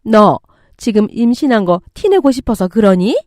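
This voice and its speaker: A woman's voice: on the high side, very animated, moderate pace, no room sound, studio quality. Woman voicing a scornful older mother-in-law. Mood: scornful scolding. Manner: loud, scolding, contemptuous. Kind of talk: storytelling radio reading.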